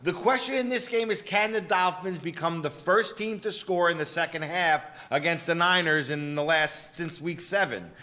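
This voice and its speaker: Male co-host, crisp forceful tone on the high side, sure of his picks, casual filler-heavy delivery. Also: normal speed, few pauses. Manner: confident, peppers talk with "you know" and catchphrases. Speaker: sports betting co-host. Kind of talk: casual betting-picks chat.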